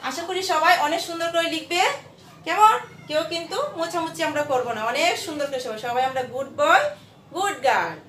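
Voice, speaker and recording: Woman nursery teacher, high bright voice, sing-song drilling, echoey room with faint hiss. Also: far from the mic. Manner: slow, sing-song spelling drills with call-and-response. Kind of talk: online class for young children.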